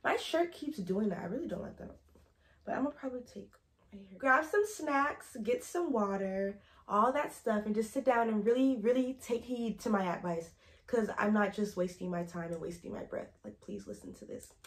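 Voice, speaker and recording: Chatty young woman vlogger, high voice. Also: moderate pace. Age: young adult. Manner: rambling, talkative, easily sidetracked. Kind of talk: casual chatty advice vlog.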